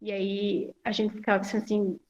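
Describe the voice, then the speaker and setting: A woman's voice: mid-range voice, level tone, a little fast, darkish tone, highs cut off. A woman giving a talk to a family support group, hesitant with many restarts and fillers. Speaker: guest speaker.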